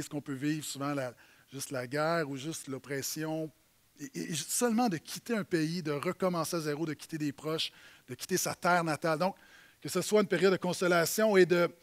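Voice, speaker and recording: A man with a Québécois accent, a church leader speaking to a congregation in a halting, warm way with many fillers. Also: a little high. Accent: Québécois French.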